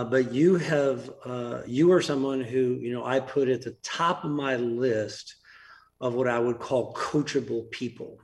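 A man's voice: mid-range voice, creaky, a little mellow. A man hosting a casual interview, friendly and rambling, with lots of fillers and restarts. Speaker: podcast host and business coach.

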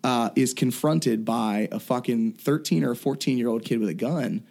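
A man speaks in a middle pitch, blunt and emphatic, swearing freely. He talks through his ideas in a casual interview, restarting sentences as he thinks. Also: normal speed, gravelly, darkish tone. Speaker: self-defense and fitness coach, gym owner.

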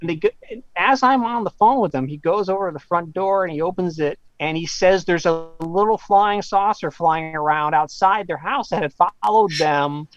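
A professor and guest author tells a story casually in an interview, his voice high-pitched and his pace moderate with almost no pauses. He rambles, leaning on fillers and stumbling into restarts. The audio is lo-fi and slightly dull.

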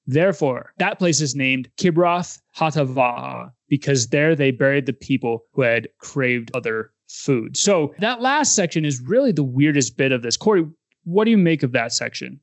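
A man's voice: medium pitch, lively intonation, normal speed, dry recording. A man co-hosting a casual Bible discussion podcast, animatedly retelling passages and acting out quoted lines. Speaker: podcast co-host.

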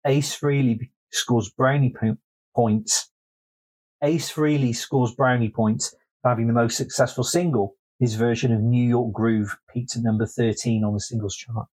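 A man's voice: mid-range voice, fairly even intonation, a little slow, a little mellow, slightly rough, rough recording. A man co-hosting a podcast, reading out notes in a casual chat with wry, sweary asides. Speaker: podcast co-host.

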